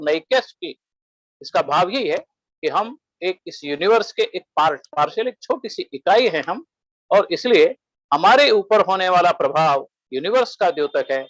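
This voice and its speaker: Man, high voice, measured webinar lecturer who lists points and quotes verses, dry close sound. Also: a bit bright, no echo, poor audio. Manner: measured, listing points one by one, quoting Sanskrit verses.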